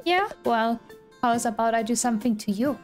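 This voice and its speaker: A woman's voice: a little high, animated, moderate pace, a little mellow, soft background music, lightly acted. A woman reading the lines of a haughty, sneering male soldier from a game. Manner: sneering, lecturing. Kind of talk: reading game dialogue aloud.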